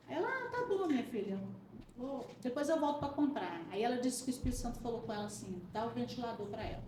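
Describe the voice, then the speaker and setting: A woman from central Brazil telling a personal faith story in a casual chat, lively and acting out the voices of the people in it. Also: a little high. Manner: animated storyteller, acts out quoted voices. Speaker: guest. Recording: roomy sound, faint background hiss.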